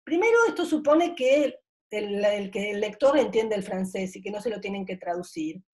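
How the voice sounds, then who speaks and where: Measured woman giving an academic talk. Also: mid-range voice, darkish tone. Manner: thoughtful, pausing often with drawn-out fillers. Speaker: university professor.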